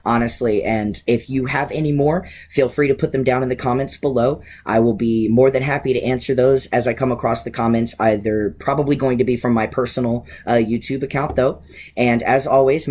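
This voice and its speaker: Answering viewers' questions in a candid, easygoing vlog, this thirtysomething man talks a little fast in a mid-range voice. His speech is full of ums and expressive inflections.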